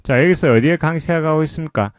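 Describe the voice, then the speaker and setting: A man teaching English pronunciation, explaining slowly and patiently in a lesson voice-over. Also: a little high, smooth, no room sound, clean studio sound.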